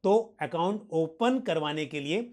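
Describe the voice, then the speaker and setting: A man's voice: fairly high pitch, lively intonation, measured pace, darkish tone. Man explaining finance in a formal way. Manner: formal, polite address; mixes in English financial terms. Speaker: host answering viewer questions. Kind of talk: explanatory financial question-and-answer.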